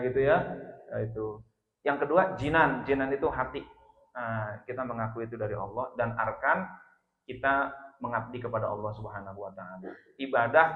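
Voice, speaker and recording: A middle-aged man giving a lively sermon, chatty and rising loud on key phrases. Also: mid-range voice. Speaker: preacher. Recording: roomy, dull lo-fi sound.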